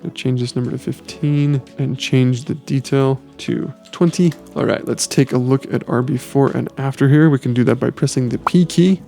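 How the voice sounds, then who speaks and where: A man hosting a software tutorial, walking through photo editing step by step in a relaxed way. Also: mid-range voice, normal speed, creaky, hardly any pauses. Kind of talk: screen-recorded software tutorial. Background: faint background music.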